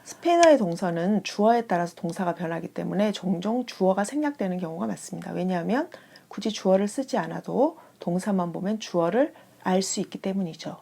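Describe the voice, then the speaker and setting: Gravelly, mellow-voiced woman teaching Spanish. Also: fairly low pitch, fairly quick. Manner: calm, clear explanatory delivery. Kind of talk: scripted online language lesson.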